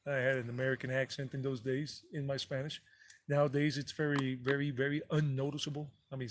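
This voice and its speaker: Slight hiss or hum sits under this man's mid-range, somewhat bright voice as he vlogs from a mountain property outdoors. A native English speaker and travel vlogger, he digresses casually on his livestream, restating figures and fixing his own slips.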